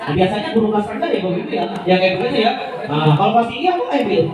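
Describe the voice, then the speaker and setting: A man's voice: high voice, sing-song, very fast, a crowd in the background. A man leading a workshop for teachers, chatty and informal, often turning to the audience and acting out how teachers talk. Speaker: teacher trainer presenting to teachers. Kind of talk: lively workshop presentation. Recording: echoey room recorded from a distance.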